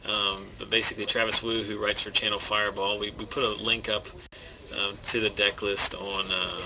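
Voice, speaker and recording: Gravelly low-voiced man commentating. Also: normal speed, poor audio. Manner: relaxed, rambling, thinks aloud with fillers. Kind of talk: casual game commentary. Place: game store. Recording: background noise in a game store.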